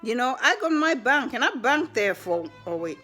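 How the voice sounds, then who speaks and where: An older woman telling a personal story to the camera with indignant, animated energy and laughs. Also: a little high, moderate pace, faint music behind. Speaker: vlogger.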